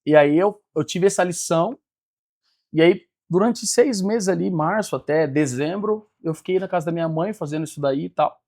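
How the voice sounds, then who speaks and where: Animated high-voiced man telling his story. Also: normal speed. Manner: animated storyteller acting out quoted dialogue. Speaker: guest, business mentor. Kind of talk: personal storytelling in a podcast interview.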